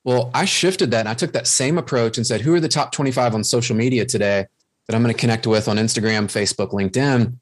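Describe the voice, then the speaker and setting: A man's voice: mid-range voice, quick pace. Confident man sharing business advice. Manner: confident, coaching tone, acts out quotes. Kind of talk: casual interview chat.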